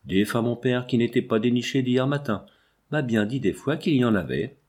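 A man's voice: medium pitch, normal speed, darkish tone, lightly acted. A man voicing a fearful, superstitious old peasant woman in a storybook reading, with an anxious, lamenting manner.

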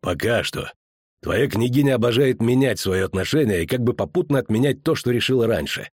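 A man voicing a stern, impatient witcher in a low, gruff voice in an audiobook. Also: animated, fairly quick, a little mellow, dry recording, clean studio sound.

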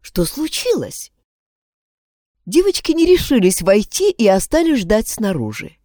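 A woman narrating a children's storybook with a dramatic, expressive reading. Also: mid-range voice, normal speed, dry recording, studio quality. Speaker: audiobook narrator.

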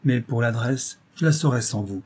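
A man's voice: medium pitch, normal speed, darkish tone, slightly rough, lightly acted. A man reading aloud voices a kindly, good-natured middle-aged husband who is easily flustered. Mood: earnest.

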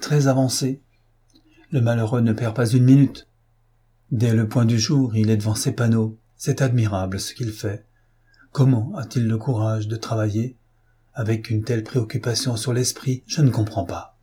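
A man's voice: mid-range voice, steady tone, normal speed, mellow, breathy edge, lightly acted. A man reading an audiobook, voicing an anguished, tearful young aristocratic wife in a pleading manner. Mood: distraught. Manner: pleading, sobbing.

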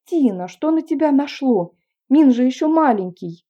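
A fussing, cheerful middle-aged mother who frets over her children, played by a woman reading the audiobook. She speaks with a raised, mellow voice. The recording sounds a bit dull. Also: high voice, expressive, normal speed, voice pushed up. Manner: lamenting, fussy.

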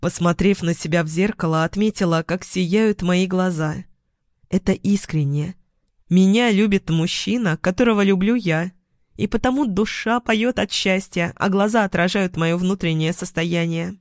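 A woman's voice: fairly low pitch, normal speed, darkish tone, no room sound, clean studio sound. Woman narrating a first-person romance. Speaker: audiobook narrator.

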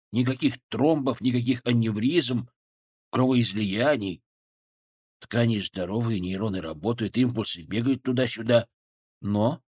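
A man voicing a cheeky, brash male chipmunk in an audiobook, his voice muffled, low and hushed. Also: husky. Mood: puzzled. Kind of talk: audiobook reading.

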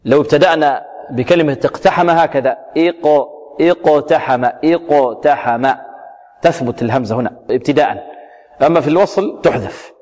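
A man teaching Quran recitation rules, slowly drawing out example words and then briskly correcting mistakes, asking his students questions and answering them himself. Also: a little high, a little mellow, in a large hall. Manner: slow, drawn-out demonstrations of each word, then quick corrections. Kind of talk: tajweed lesson with recited examples.

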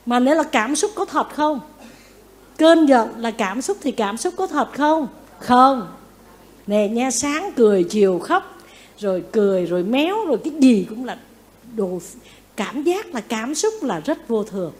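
Buddhist nun giving a dharma talk, a bit high voice, lively, keeps quizzing the listeners. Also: female voice, a little slow. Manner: lively, asks the audience questions and answers them; repeats phrases for emphasis. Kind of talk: sermon.

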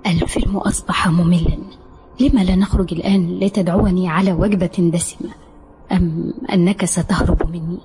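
A man's voice: high-pitched, flat delivery, a little fast, darkish tone, faint music behind, voice pushed up. A man putting on a stubborn young girlfriend. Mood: teasing. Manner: childishly stubborn. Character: young woman, teasing and insistent girlfriend.

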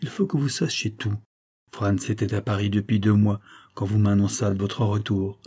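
A man's voice: fairly low pitch, mellow, husky. A man voicing a grieving young countess who speaks in a trembling, bitter plea.

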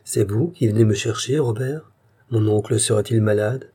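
Male reader giving a frightened young woman in a storybook, soft and anxious, dark and husky. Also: on the low side, normal speed, natural voice.

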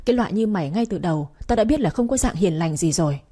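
A woman voicing a shrill, spiteful young sister-in-law in a story reading. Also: expressive, fast talker, mellow, slightly rough.

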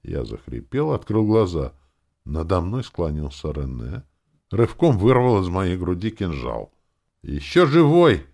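Мужчина читает фэнтези-аудиокнигу от первого лица, драматично, то мрачно, то насмешливо. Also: male voice, deep voice, very animated, measured pace, gravelly, mellow. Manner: dramatic, swinging between grim and mocking. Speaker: audiobook narrator. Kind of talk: first-person audiobook narration.

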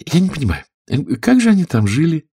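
A man's voice: a little high, big pitch swings, quick pace, mellow, slightly rough, no echo, studio quality, pitched above the performer's own voice, exaggerated voice. A man voicing a curious, polite young girl in a storybook, asking eager questions.

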